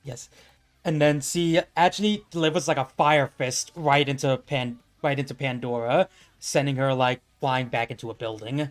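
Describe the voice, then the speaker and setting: A man's voice: mid-range voice, steady tone. Laid-back man running a tabletop game. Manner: loose, halting narration with fillers and laughs. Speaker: game master.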